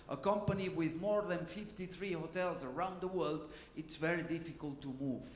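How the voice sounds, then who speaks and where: A man's voice: fairly high pitch, a bit bright, roomy sound, a little hiss or hum. A man, speaking informally on a conference panel and often adding "you know" and "okay". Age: 50s. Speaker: hotel innovation panelist. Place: conference hall.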